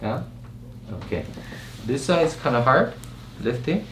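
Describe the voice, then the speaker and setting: A man working as a chiropractor, giving short hands-on instructions in a soft, soothing murmur. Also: mid-range voice, measured pace, recorded from a distance. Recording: roomy, echoey room with steady noise.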